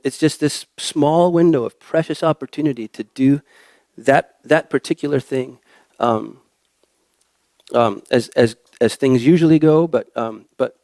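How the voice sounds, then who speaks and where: A young adult man preaching a church sermon in a halting way, with many fillers and restarts. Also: mid-range voice, darkish tone, dry recording.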